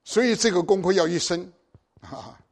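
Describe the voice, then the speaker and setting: High-voiced older preacher, exhorting. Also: male voice, normal speed, vocal fry. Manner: exhorting, with pointed rhetorical questions. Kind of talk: sermon.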